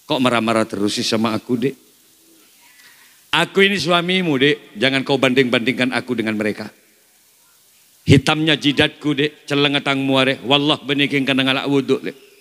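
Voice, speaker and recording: A male preacher voicing a poor husband who gently coaxes his angry wife. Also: fairly even intonation, moderate pace, in a large hall. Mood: coaxing. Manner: soft, coaxing, lower-voiced.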